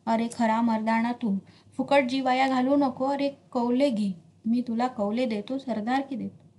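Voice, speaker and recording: A woman voicing a boastful male enemy commander who bargains loudly in a storybook reading. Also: fairly high pitch, steady tone, a little slow, lightly acted. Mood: tempting.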